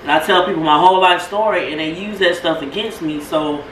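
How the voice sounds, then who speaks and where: A woman's voice: lowish voice, brisk, a bit bright. A woman co-hosting a casual vlog chat, talking openly and rambling about herself. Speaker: co-host. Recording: roomy echo, distant mic, background noise.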